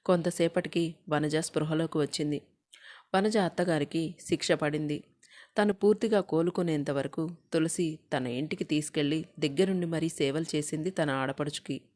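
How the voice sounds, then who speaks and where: Low-voiced woman narrating a story. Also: normal speed, darkish tone.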